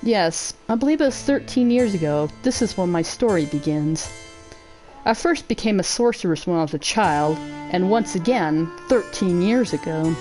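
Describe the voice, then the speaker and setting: A woman voicing a mature sorceress, speaking formally in a measured, regretful confession. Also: on the low side, lively intonation, a little mellow, faint music behind, natural voice, low-quality recording. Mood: solemn.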